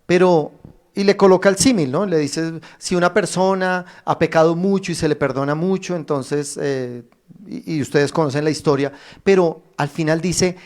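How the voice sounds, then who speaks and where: A man pastor preaching a streamed sermon, addressing viewers directly with emphatic rises and pauses. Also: fairly high pitch, a little mellow. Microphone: streamed online service.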